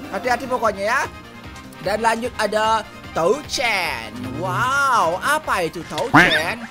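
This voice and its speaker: A woman hosting a gameplay video, commentating loudly and shrieking in mock panic. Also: medium pitch, lively intonation, slow pace. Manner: shrieks and shouts in mock panic, talks to viewers. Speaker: gaming video host. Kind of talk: excited Minecraft gameplay commentary. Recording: loud game music behind.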